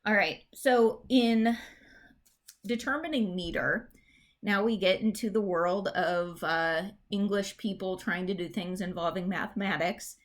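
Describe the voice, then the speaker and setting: Casting: woman teacher, low-ish voice, chatty lecture style, plenty of "um"s. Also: a bit bright. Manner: chatty, explains step by step with many fillers. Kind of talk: classroom lecture.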